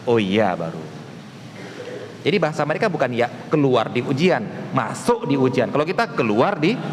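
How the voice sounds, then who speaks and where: A man, a religious teacher, giving a mosque study lecture and answering questions, lively and acting out little dialogues in different voices. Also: slight background noise. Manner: lively, acts out dialogues with shifting pitch. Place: mosque hall. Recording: echoey hall with faint ambience.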